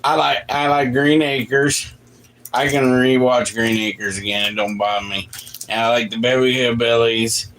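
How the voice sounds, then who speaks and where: A man in his late forties co-hosting a casual family livestream, easygoing and quick to laugh. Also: mid-range voice, fairly even intonation, fairly bright tone, slight background noise, poor audio. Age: late 40s.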